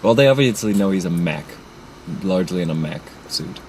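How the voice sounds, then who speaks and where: Opinionated man with a low voice. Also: animated, darkish tone, slight background noise, low-quality recording. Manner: opinionated, halting with many "like" fillers. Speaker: movie reviewer. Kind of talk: casual chat.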